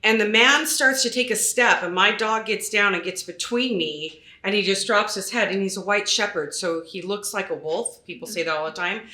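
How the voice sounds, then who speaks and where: A woman real estate agent telling a story in a panel chat, animated and acting out her own quotes. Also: mid-range voice, moderate pace, hardly any pauses. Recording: roomy echo.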